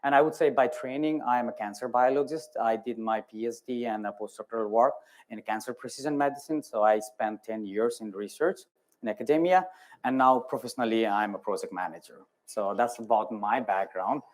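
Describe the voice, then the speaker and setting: Measured man from Nepal on a panel. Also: medium pitch. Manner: measured, explanatory, with frequent "uh" and "so". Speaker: clinical study manager on a panel. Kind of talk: conference panel talk.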